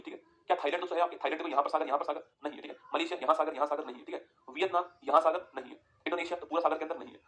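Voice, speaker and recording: A man teaching a geography lesson over a map, talking quickly and repeating points for students to write down. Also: fairly high pitch, a bit bright. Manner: rapid, repetitive, tells students to write points down.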